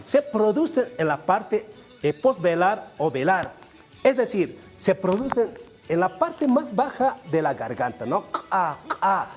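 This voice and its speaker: A man's voice: high voice, darkish tone. A man from Bolivia teaching an Aymara language lesson on television, addressing viewers as brothers while he explains.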